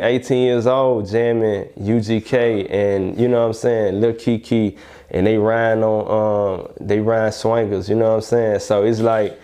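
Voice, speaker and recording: A man with an Alabama Southern accent speaks in a low-leaning, very mellow and relaxed voice. He talks casually, as in an interview, using plenty of slang and often checking that the listener follows. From Alabama, United States. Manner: slangy, repeatedly checks "you know what I'm saying". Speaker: rapper being interviewed.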